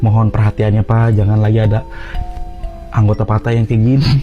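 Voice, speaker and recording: A man's voice: fairly low pitch, monotone, fairly quick. A man giving wry, amused reaction commentary. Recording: dull lo-fi sound, faint music.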